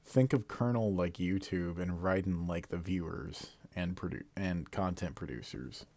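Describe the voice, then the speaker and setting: A man's voice: sits low, measured pace, a little mellow. Rambling, swearing young male streamer. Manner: rambling, self-correcting, swears, laughs at himself. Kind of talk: casual live-stream commentary.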